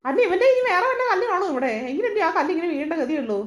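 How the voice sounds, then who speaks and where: A worried old grandmother from a cartoon scolds and frets in quick, animated bursts. Her voice sits very high and swoops widely, and she talks at a racing pace. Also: noisy background. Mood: fretful. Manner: rapid, animated scolding and fretting. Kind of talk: cartoon voice acting.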